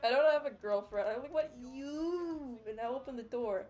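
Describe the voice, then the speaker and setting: A woman's voice: a little high, fast talker, darkish tone, soft background music. A woman streamer reading a story aloud, swearing freely and stopping to crack sarcastic jokes.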